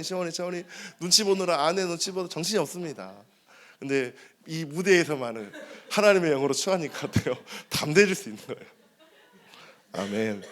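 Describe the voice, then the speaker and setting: Lively preaching male pastor. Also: sits high. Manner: lively, asks the congregation questions and answers them. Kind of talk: sermon. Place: church sanctuary.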